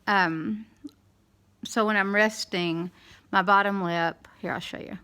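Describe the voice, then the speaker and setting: A middle-aged woman with a slight lisp, talking candidly in a halting, rambling way as in a casual video diary. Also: medium pitch, steady tone, pushed and bright, smooth. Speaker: dental implant patient vlogger.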